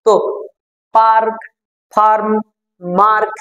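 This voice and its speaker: In an explanatory online lesson, a woman teaches English reading slowly, repeating words, spelling them letter by letter, and mixing in some English phrases. Her voice is medium-pitched with fairly even intonation, and the audio's highs are cut off.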